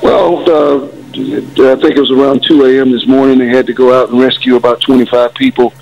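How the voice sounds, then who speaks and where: Man, city official, average pitch, measured and hesitant delivery, lo-fi telephone interview sound. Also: fairly even intonation, creaky, darkish tone. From Florida, United States. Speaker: city mayor. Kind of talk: phone interview on live news. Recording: dull, band-limited phone line.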